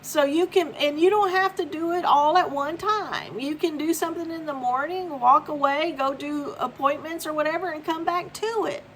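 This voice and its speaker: A woman's voice: sits high, normal speed, hardly any pauses, a bit bright, slight background noise. A woman, talking casually and encouragingly to camera in a home video. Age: 50s. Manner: upbeat, encouraging, repetitive. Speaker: vlogger. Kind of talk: casual promotional talk to camera.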